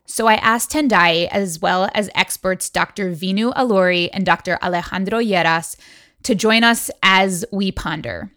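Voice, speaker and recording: A woman's voice: medium pitch, moderate pace, a bit bright, no echo, clean studio sound. A woman hosting a podcast, reading a scripted introduction and then asking interview questions in an articulate, enthusiastic way. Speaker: podcast host.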